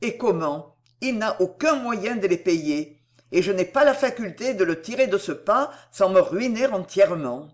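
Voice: mid-range voice, lively intonation, normal speed, close to an everyday voice. A reader voicing a sorrowful man in an audiobook, protesting in a sad way. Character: sorrowful loyal man, a worried brother. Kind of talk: audiobook reading.

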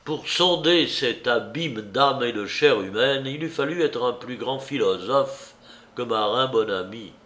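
A man reading a novel aloud in a measured, somber storytelling manner. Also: mid-range voice, lively intonation, a bit bright. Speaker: narrator. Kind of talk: audiobook reading.

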